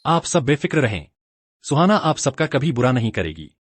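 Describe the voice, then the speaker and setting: Earnest young husband. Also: male voice, mid-range voice, big pitch swings, normal speed, slightly rough, dry recording. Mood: reassuring. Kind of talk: dubbed drama acting.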